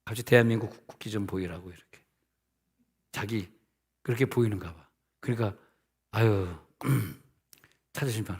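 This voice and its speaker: A man's voice: fairly low pitch, normal speed, pauses often, a little mellow, breathy edge. A middle-aged man, a senior pastor, preaching a sermon in a conversational way, asking his listeners rhetorical questions and acting out the people he quotes.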